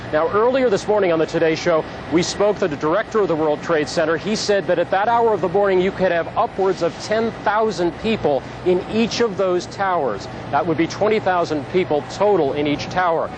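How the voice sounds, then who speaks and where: A man giving an unscripted live news report from outdoors, recounting events in a halting, measured way. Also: high-pitched. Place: outdoors on a city street. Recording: clear outdoor traffic noise.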